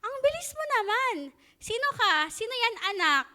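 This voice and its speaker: A startled old blind father cries out in a shrill, piercing voice, put on by a woman. He is bewildered and loud, and his pitch leaps sharply upward. It is storytelling for a church lesson. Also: sing-song, normal speed, heavily acted. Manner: exclaiming, high-pitched and loud.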